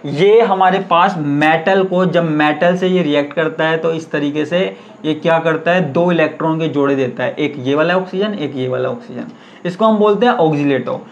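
A man's voice: fairly high pitch, muffled recording. A man teaching a chemistry lecture, asking the class questions and answering them himself, repeating key terms.

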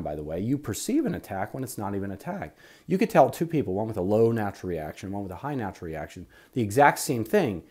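Animated, husky-voiced man preaching. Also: on the low side. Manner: animated, preachy, rambling with asides. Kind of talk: opinion monologue on faith.

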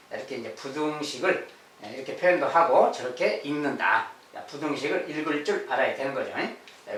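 A male math teacher giving a lecture. He fills his talk with short "ja" and "ye" and slowly repeats key phrases. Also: a little high, a bit bright. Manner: frequent "ja" and "ye" fillers. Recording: echoey room, mic at a distance.

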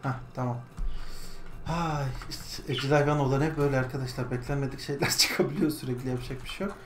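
A woman's voice: extremely low pitch, steady tone, fast, faint music behind. A woman streamer casually talking through her gameplay, chatty, now and then coaxing her pet bird. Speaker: gaming streamer. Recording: echoey room with background noise. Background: a bird squawking.

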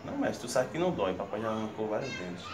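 A man's voice: lowish voice, big pitch swings, fast, a little hiss or hum. A young man from the northeast speaking as a father in a casual home video, patiently coaxing his child with step-by-step instructions. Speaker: father filming his son.

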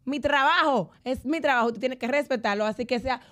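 A young woman, playful and dramatic as she shares a story. Her voice is high and her tone teasing. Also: fairly quick, a bit bright. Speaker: podcast co-host. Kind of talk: casual chat.

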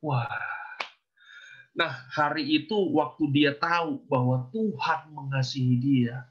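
A man's voice: medium pitch, takes it slowly, muffled recording. A male pastor telling a story in a youth service sermon, acting out the quotes and often asking "ya kan?" to the listeners. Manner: animated storyteller, acts out quotes, asks "ya kan?".

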